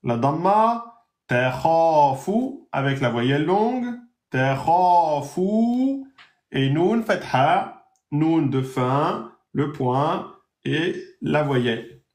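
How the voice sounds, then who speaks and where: A man teaching the Arabic alphabet in a live online lesson, drawing out each example word slowly. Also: a little high, lively intonation, roomy sound. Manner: slow drawn-out pronunciation of example words.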